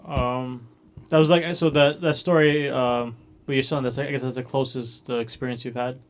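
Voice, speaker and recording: A man's voice: mid-range voice, fairly even intonation, moderate pace. A man co-hosting a casual podcast from a hotel room, asking probing questions. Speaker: podcast co-host. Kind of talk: casual chat.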